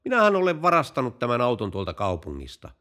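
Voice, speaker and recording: A man's voice: mid-range voice, huge pitch swings, pushed and bright. A man voicing a brazen male car driver in a told joke, curt and then innocently denying everything.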